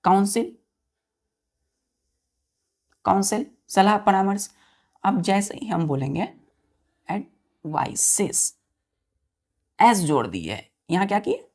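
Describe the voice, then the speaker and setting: A woman teacher leads an exam-prep grammar lesson at a middle pitch. She spells words out one letter at a time, repeats each key term, and keeps turning to her students with quick questions. She addresses them as children. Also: lively intonation, darkish tone.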